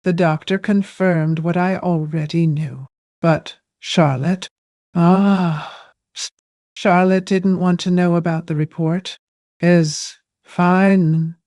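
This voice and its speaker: An older woman tells a first-person story in an unhurried, hushed way. Her voice is mellow and dark, and the recording is dry and close, with no room sound. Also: on the low side, steady tone, no room sound.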